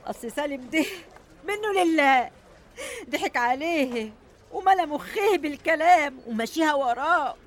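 Radio drama role: anxious rural Egyptian villager, high voice, deferential, pleading, prone to lament. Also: female voice, lively intonation, moderate pace, slight background noise. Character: anxious, deferential village woman reporting to police.

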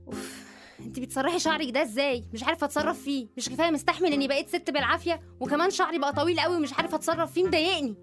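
Brief: woman voicing irritable young man in a woman's body, Egyptian accent, snaps and shouts fast. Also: sits high, over music, natural voice. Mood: grumpy. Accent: Egyptian Arabic. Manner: snappy, shouting.

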